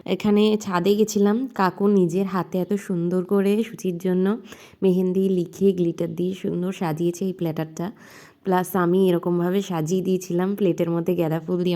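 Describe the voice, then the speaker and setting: A woman's voice: lowish voice, flat delivery, fairly quick, warm tone. A young woman narrating her vlog in a chatty voice-over, mixing in English words. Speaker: vlogger narrating her friend's wedding.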